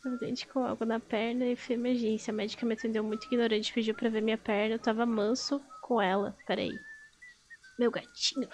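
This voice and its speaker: Woman streamer, high-pitched, expressive and chatty, casual gameplay talk. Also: fairly quick. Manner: chatty, expressive, laughs often. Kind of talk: casual gameplay chat, reading out chat.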